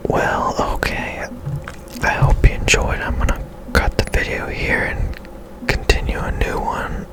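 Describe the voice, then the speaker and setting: A gaming ASMR creator whispers softly and breathily, offering tentative, unhurried commentary on a video game as if musing to themselves.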